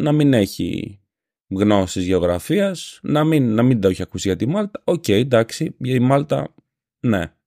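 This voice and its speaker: A man's voice: lowish voice, warm tone, no room sound, studio quality. A man from Greece with a Syros island accent, hosting a casual monologue podcast, a little ill and grumbling, telling a story sarcastically. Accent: Syros island Greek. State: slightly ill. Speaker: podcast host. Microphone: home podcast microphone.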